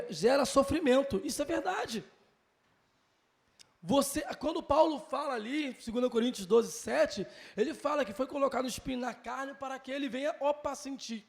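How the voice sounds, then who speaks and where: A man's voice: extremely high pitch, vocal fry. A man with a Brazilian Portuguese accent teaching a Sunday school Bible lesson, earnest, repeating key phrases and calling listeners brother.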